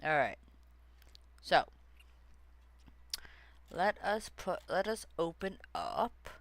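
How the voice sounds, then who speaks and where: Slow-talking rambling streamer, bright voice. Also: mid-range voice, wildly swooping pitch, gravelly, dry recording. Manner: rambling and easily sidetracked; frequent fillers and restarts. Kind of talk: casual livestream chat.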